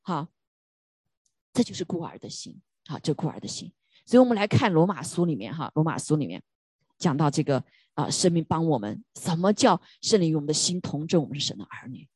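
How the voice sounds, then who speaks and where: A woman's voice: deep voice, very animated, brisk, a little mellow, slightly rough, no echo. A woman preaching a sermon, telling a story with emphatic rhetorical questions.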